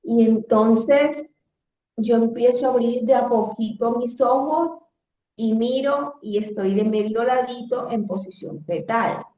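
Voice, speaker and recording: A woman with a Caribbean Spanish accent tells a personal story conversationally, in halting phrases with some repetition. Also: fairly high pitch, mellow. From Caribbean coast of Latin America. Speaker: guest telling a personal testimony. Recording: roomy echo, slightly dull sound.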